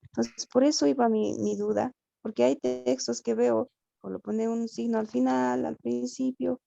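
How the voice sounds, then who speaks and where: A woman's voice: a little high, fairly even intonation, normal speed, creaky, mellow, no room sound, muffled recording. A woman from Peru, a student in a translation class, asking a question hesitantly and checking in often. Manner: hesitant, circles back with "¿no?".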